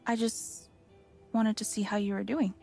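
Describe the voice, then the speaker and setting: A woman's voice: mid-range voice, level tone, normal speed, creaky, darkish tone, soft background music, lightly acted. A woman acting a weary, grieving middle-aged mother in a video game, subdued and confiding. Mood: weary, worried. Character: weary grieving divorced mother, worried about her child.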